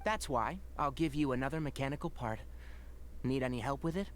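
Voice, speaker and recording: An actor playing a composed young healer in a video game, measured and articulate with a gentle wryness. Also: male voice, medium pitch, heavy background noise, natural voice. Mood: wry, kindly. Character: calm, knowing young forest healer, gently wry.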